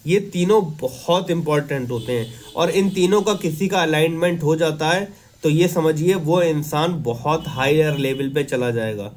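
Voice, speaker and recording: Man, exam-prep tutor, slightly high voice, calm reflective manner, reads English slowly then explains in Hinglish. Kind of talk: Hindi lecture explaining an English editorial.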